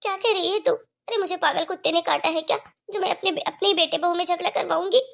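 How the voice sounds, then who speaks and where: A woman's voice: extremely high pitch, quick pace, creaky, fairly bright tone, heavily acted. A woman playing a scheming old mother-in-law. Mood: indignant. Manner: whiny, dramatic complaining. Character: scheming older mother-in-law, complaining and sly.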